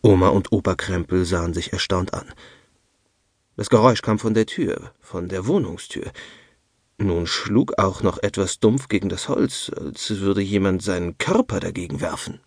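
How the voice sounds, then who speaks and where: A man narrating a children's audiobook in a lively, expressive storytelling manner, close to a studio mic. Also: sits low, moderate pace, husky, no echo.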